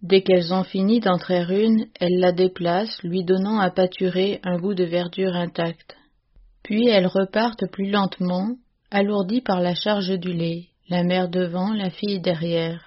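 A woman narrating a classic story in a measured, expressive audiobook reading. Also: on the low side, breathy edge, lo-fi sound.

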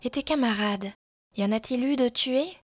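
A woman's voice: fairly high pitch, moderate pace, lightly acted. A woman voicing a sick, tearful young woman who speaks in breathless, emotional pleas, in a storybook reading. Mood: pleading.

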